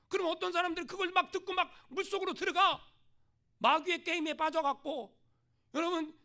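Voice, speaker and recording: Male pastor, sermon, rhetorical questions, very high voice, bright tone. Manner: rhetorical questions, emphatic preaching.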